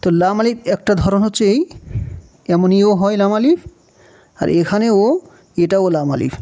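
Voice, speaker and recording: With a Bangladeshi Bengali accent, a man instructs in Quran reading, calling out letters one by one slowly and patiently repeating them. His voice is high, yet dark in tone.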